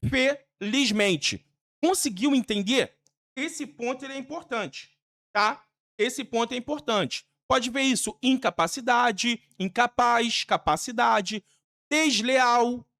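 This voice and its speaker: A woman's voice: on the high side, fairly bright tone. A woman with a Brazilian Portuguese accent gives an exam-prep grammar lesson. She is emphatic and repetitive and uses casual slang. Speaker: teacher.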